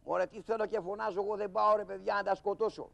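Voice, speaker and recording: A man's voice: little pitch movement, fairly bright tone, slight background noise, heavily acted. A man voicing a cheeky, boastful and cowardly male shadow-puppet trickster who talks to the children in a live puppet show. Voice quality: high, gravelly voice.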